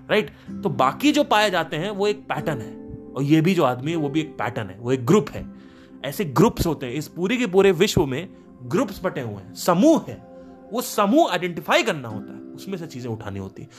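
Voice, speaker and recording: A man hosting a podcast, telling anecdotes from running his band in an emphatic, casual way and acting out the people in them. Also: on the high side. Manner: emphatic, anecdotal, quotes people in their own voices. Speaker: podcast host and band leader. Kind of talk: casual storytelling monologue.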